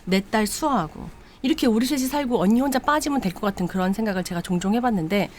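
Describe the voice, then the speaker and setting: A woman's voice: medium pitch, expressive, fast talker, slight background noise, lightly acted. Woman playing a pleading young mistress. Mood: earnest. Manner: earnest, explaining herself.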